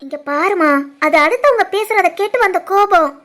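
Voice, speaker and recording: A woman voicing a steady young woman who calmly and firmly reassures her crying friend in an animated family story. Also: extremely high pitch, normal speed. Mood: reassuring. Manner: calm, firm and reassuring.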